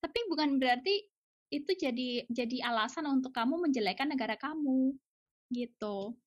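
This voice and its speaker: An outspoken podcast guest, a researcher from Indonesia now living in Japan, chats casually and with emphasis, throwing in rhetorical questions and bits of English during the opinionated interview. Her voice sits high, her pace is moderate, and there's no echo.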